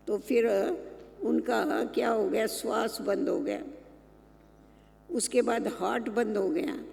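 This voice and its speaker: Slow, mellow spiritual teacher, man, very high and gravelly, echoing hall. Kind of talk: reading and explaining a spiritual text. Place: meditation centre hall.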